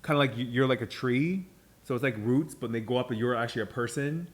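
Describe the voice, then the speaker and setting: A man talking casually as he coaches someone on acting. He fills his talk with fillers and restarts, and his pitch sits in an ordinary middle range. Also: fast, breathy edge. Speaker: host teaching acting. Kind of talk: casual chat.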